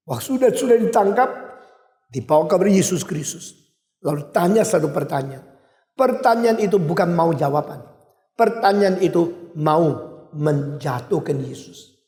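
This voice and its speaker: An older male pastor with an Indonesian accent preaching a sermon with emphatic swings in loudness. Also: high voice. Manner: emphatic, wide swings in loudness, switches briefly to English. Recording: echoey hall.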